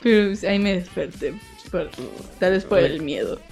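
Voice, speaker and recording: A woman's voice: lowish voice, normal speed, vocal fry, soft background music. A young woman with a Mexican accent, casually telling friends about a dream, acting out the voices and laughing often. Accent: Mexican Spanish. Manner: animated storyteller, acts out voices, laughs often.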